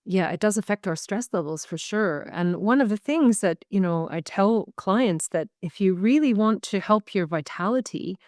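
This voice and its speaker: A Canadian woman, a medical intuitive appearing as a guest on a video call interview, speaks earnestly and reflectively in long, searching phrases during casual conversation. Her medium-pitched voice is expressive and a little mellow, moving at a moderate pace with hardly any pauses. The recording is dry, with clean studio sound.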